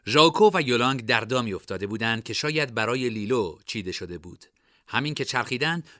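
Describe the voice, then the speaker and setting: Man reading a story aloud, animated pitch, bright, dry recording. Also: dry recording. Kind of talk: scripted storybook narration.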